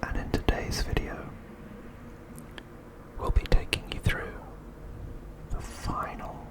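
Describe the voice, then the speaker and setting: A man hosts an ASMR video, speaking in a hushed whisper that is slow and deliberate.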